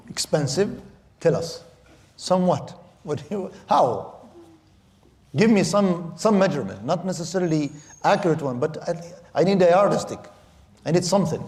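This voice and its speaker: A man's voice: a little high, a little mellow. Male Islamic law teacher, native Arabic speaker, patient step-by-step explainer, echoey lecture room. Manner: explains step by step, mixes Arabic words into English, repeats and restarts phrases. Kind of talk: classroom lecture. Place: lecture hall of a mosque center.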